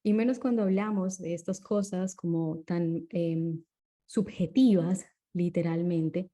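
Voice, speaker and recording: A woman with a mellow, warm voice, talking as a guest in an interview. She explains things calmly and steadily, pausing now and then to check that the listener is following. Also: fairly low pitch. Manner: calm and explanatory, often checks in with tag questions.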